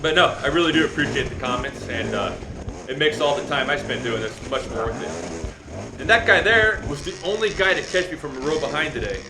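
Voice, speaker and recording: Male motovlogger, chatty and self-deprecating race commentary, fry in the voice, recorded roomy with clear vehicle noise. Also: mid-range voice, sing-song, a little fast. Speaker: motovlogger and amateur dirt bike racer. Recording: roomy echo, loud engine and ambient noise.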